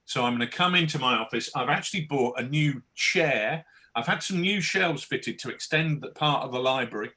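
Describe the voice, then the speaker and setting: A man's voice: medium pitch, animated, moderate pace, bright, forceful tone. A man who designs games, chatting on a hobby podcast with blunt, grumbling humour. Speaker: game designer and podcast regular. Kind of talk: casual podcast chat.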